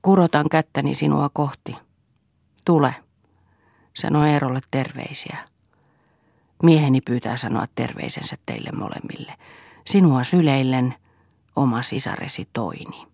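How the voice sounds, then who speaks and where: A woman's voice: a bass voice, vocal fry, pauses often, a little mellow, no room sound, clean studio sound, full character voice. A woman reading a letter from an affectionate younger sister, in a tender and pleading way.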